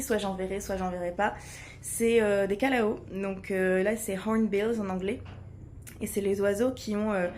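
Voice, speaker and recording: A woman's voice: medium pitch, a little mellow. A woman chatting casually as a travel vlogger, hesitant and searching for her words. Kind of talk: casual chat to camera. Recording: clear background ambient noise.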